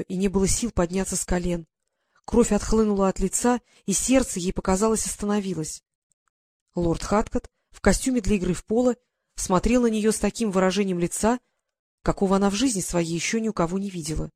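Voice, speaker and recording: A woman reads a romance novel aloud in an even, measured narration. Her voice sits in a middle register. The recording is dry and close, with no room around it. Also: mid-range voice, dry recording. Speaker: audiobook reader. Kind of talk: scripted narration.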